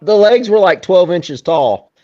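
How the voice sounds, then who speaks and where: A man's voice: high-pitched, a little slow. A man, co-hosting a podcast and telling long, profane stories in casual chat. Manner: profane, animated storyteller. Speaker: podcast co-host. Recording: dull lo-fi sound.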